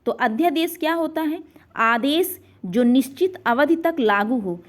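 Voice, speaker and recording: A woman's voice: high voice, lively intonation, measured pace. A woman teaching a revision lesson on grammar, asking questions and answering them herself while repeating each answer, now and then dropping in an English word. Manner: drops in English words like next and pronunciation.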